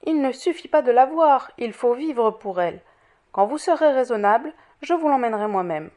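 A woman voicing a calm, firm male doctor who admonishes his patient. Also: a little high, normal speed, lightly acted.

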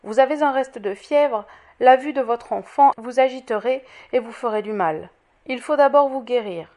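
A woman voicing a calm, firm male doctor who admonishes his patient. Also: fairly high pitch, moderate pace, lightly acted.

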